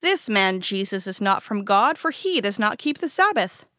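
A woman's voice: medium pitch, big pitch swings, normal speed, bright, forceful tone, no room sound, clean studio sound. A woman reading as stern accusing elders. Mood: questioning. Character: stern, suspicious religious leaders, grown men. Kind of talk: storybook character reading.

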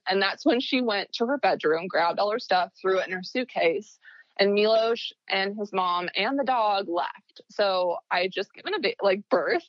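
A young woman appears as a podcast guest, telling a personal story in casual chat with a mid-range voice at a moderate pace. The recording is dry and lo-fi, and she recounts events using quoted dialogue and plenty of fillers.

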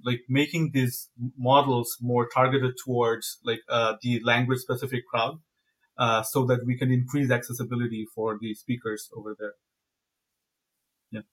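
Young male guest from Bangladesh, halting delivery, lots of "like" and "uh", mid-pitched. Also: level tone, fairly bright tone. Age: young adult. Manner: hesitant, many fillers and restarts. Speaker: guest, PhD researcher. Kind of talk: casual interview talk.

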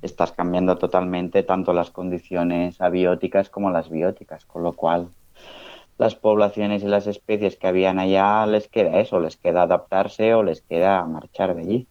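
A man's voice: low voice, steady tone, normal speed, no echo. A man in his thirties, a researcher, talking things through on a podcast, often ending phrases with a questioning tag. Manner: thoughtful, many "¿no?" tags. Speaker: guest researcher. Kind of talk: casual podcast conversation. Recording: dull, dry lo-fi sound.

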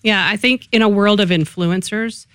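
A woman's voice: medium pitch, fairly even intonation, moderate pace, a bit bright, clear, resonant tone, no room sound, clean studio sound. A middle-aged woman with a Texan accent, talking as a business coach in an interview in a folksy, encouraging way. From Texas, United States. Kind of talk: conversational interview answers.

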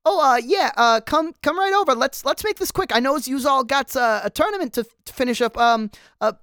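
A man voicing a jittery, squeaky thin cameraman who stammers and hurries. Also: brisk, sharp tone, clean tone, dry recording, studio quality. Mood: flustered hurry. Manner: stammering, flustered.

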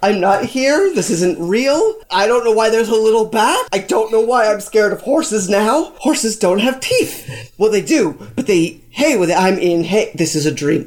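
A woman's voice: medium pitch, animated, unhurried, a little mellow, close to an everyday voice. A woman voicing an old frail wolfish creature who shrieks and rambles in panic. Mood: panicked. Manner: shrieking, frantic, swearing.

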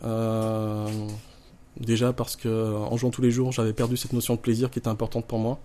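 A man's voice: medium pitch, completely flat delivery, normal speed, dark tone. A man with a Marseille French accent, talking casually as an interview guest with dry, tongue-in-cheek humour. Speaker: guest, poker player.

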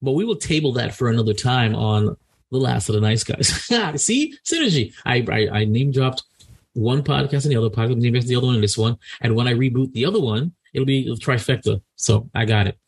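A man's voice: medium pitch, brisk, creaky, husky. A man co-hosting a podcast in casual banter, joking and rambling with frequent restarts. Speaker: podcast co-host.

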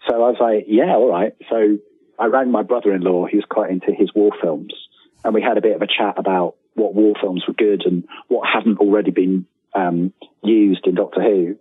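Low-pitched with a breathy edge, this man talks at normal speed with fairly even intonation. As a freelance writer being interviewed, he chats casually and rambles, putting himself down and frequently starting sentences over, on a tinny phone-like line with room echo.

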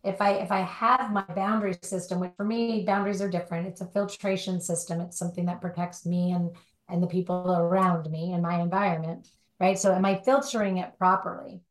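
A woman's voice: fairly low pitch, fairly even intonation, a little fast, echoey room. A woman speaking as a guest in an interview, explaining her ideas in long run-on thoughts and often adding a "right?" to check in. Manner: talks in long run-on thoughts with many rhetorical "right?" tags. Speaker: guest, recovery life coach. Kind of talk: conversational interview. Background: dog barking at times.

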